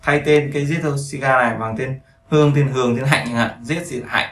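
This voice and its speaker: A man teaching beginners, with a gravelly, fry-edged voice that keeps repeating points and checking in with his listeners. The sound is roomy and echoey. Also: mid-range voice, steady tone, normal speed, a bit bright, distant mic. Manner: repetitive, checks in with listeners often. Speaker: English teacher. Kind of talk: explaining grammar to beginners.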